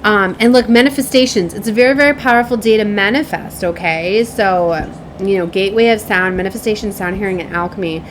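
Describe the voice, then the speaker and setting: A woman with a mid-range voice gives a brisk, informal spiritual reading as a tarot and oracle card reader, effusive in tone and stretching out key words for emphasis. The background is clearly noisy.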